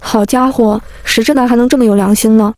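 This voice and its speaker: A woman narrating a first-person story in a lively, wry, comic manner. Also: on the high side, fairly quick, no room sound.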